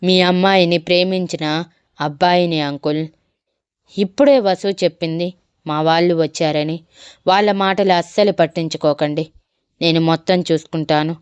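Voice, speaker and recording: A woman's voice: on the low side, steady tone, moderate pace, clean tone, no echo, dull audio, lightly acted. A woman voicing an earnest young lover. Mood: earnest pleading. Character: young man, worried and protective lover.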